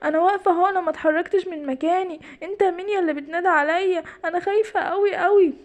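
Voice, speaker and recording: A woman voicing a gentle, easily scared female giraffe in an Egyptian Arabic cartoon. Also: very high-pitched, very fast, pitched above the performer's own voice. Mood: frightened. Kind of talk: cartoon voice acting.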